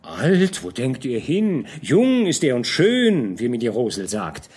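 A man voicing a gossiping middle-aged female innkeeper who spreads scandal in a hushed, eager way. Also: huge pitch swings, measured pace, breathy edge, exaggerated voice. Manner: chatty, conspiratorial, hushed to shrill.

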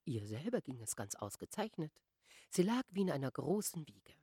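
A woman narrating a literary audiobook in a measured, expressive storytelling manner on a close microphone. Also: low-pitched, husky, no echo. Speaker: audiobook reader.

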